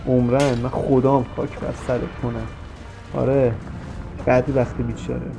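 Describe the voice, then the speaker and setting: A young man with a rough, gravelly voice delivers comic gameplay commentary. He banters with the characters on screen and switches between mock soothing and loud outbursts. Game music plays clearly underneath. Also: medium pitch, flat delivery, poor audio. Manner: joking, talks to the game characters, jumps from mock soothing to shouting.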